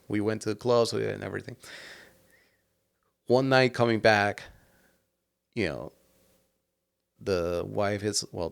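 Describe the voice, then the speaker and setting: A man's voice: fairly low pitch, creaky. A young man, hosting a podcast and telling rambling stories in casual chat. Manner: rambling storyteller, many restarts. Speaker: podcast host.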